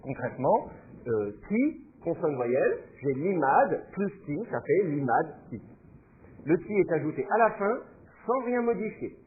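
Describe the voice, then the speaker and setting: A man's voice: fairly high pitch, big pitch swings, unhurried, a little hiss or hum. Guy teaching a class, patient, lots of euh, tinny lo-fi recording. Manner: patient, explanatory, thinks aloud with fillers. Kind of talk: classroom lecture.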